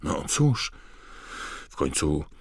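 A man's voice: a bass voice, sing-song, very slow, gravelly, husky, no echo, clean studio sound, full character voice. A man voicing a polite, puzzled teenage boy wizard in an audiobook, who asks plain, earnest questions. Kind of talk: audiobook character voice.

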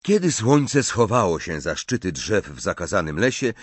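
Low expressive male narrator. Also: moderate pace, slightly rough, dry recording. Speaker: audiobook narrator. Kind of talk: scripted narration. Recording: dry close studio sound.

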